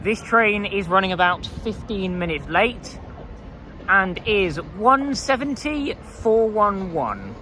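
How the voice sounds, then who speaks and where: A trainspotting vlogger commentates methodically on services and unit numbers. The pitch swings in a lively way, and there is light station noise behind the voice. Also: slow. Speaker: video host, trainspotter. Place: railway station platform. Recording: noisy outdoor station ambience.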